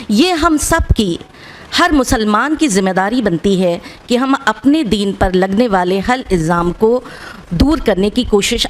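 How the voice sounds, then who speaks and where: Guest speaker: woman, slightly high pitch, earnest exhorting speech to children and parents in a school auditorium. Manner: earnest and exhorting, often tags "right?" and mixes in English words.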